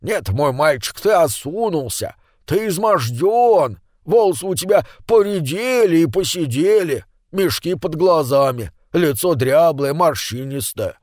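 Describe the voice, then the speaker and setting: A man's voice: on the high side, lively intonation, a little slow, hardly any pauses, darkish tone, dry recording, studio quality, pitched above the performer's own voice. A man voicing a sly, teasing old uncle who drawls his remarks. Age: older.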